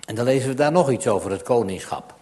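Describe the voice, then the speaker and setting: A man's voice: mid-range voice, lively intonation, fast. Emphatic Dutch-speaking preacher man. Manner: emphatic, rising louder when reading scripture. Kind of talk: sermon with Bible reading.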